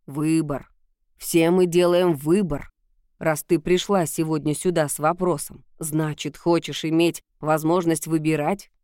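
A woman voicing an old, grumbling village witch who tells fortunes in a gruff, slow, mocking way. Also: sits low, fairly even intonation, darkish tone, dry recording, clean studio sound. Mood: stern.

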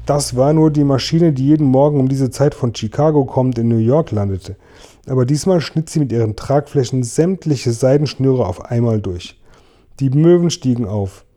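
A man reading a children's book aloud in steady, plain storytelling. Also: medium pitch, normal speed. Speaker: reader.

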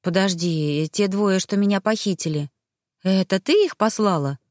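A woman voicing an emotional, excitable young woman, the heroine's cousin. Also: mid-range voice, moderate pace, no echo, studio quality, natural voice. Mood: suspicious.

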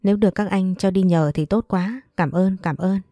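A woman's voice: medium pitch, mellow, no echo, clean studio sound, natural voice. Woman voicing a bold, eager young woman. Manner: quick, eager.

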